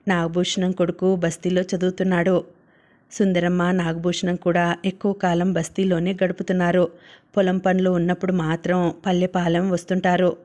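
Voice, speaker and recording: A woman narrating a story in an even, measured reading. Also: lowish voice. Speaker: audiobook narrator.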